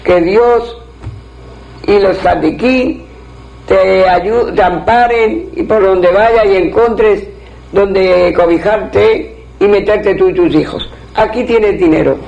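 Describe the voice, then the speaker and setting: A man doing a gentle, grieving old mother-in-law. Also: high voice, takes it slowly, creaky, exaggerated voice. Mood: tender. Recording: dull lo-fi recording.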